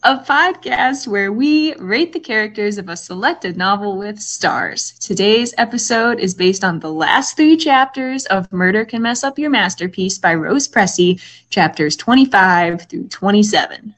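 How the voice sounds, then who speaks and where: A woman's voice: mid-range voice, expressive, unhurried, fairly bright tone. A woman co-hosting a podcast, chatting about a book in a casual, joking way. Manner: joking, playful. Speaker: podcast co-host. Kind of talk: casual humorous book discussion.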